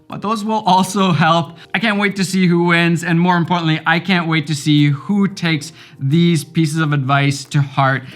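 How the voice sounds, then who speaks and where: Young male vlog host, fairly high voice, punchy motivational delivery. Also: fairly bright tone. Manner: emphatic, upbeat, talks to the camera. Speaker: YouTuber host. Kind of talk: casual advice vlog.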